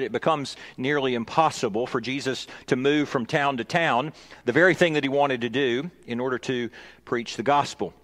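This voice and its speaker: A middle-aged pastor delivering a Sunday sermon in an earnest, measured voice. His pitch sits in the ordinary middle range for a man, and he stops and restarts phrases as he thinks aloud.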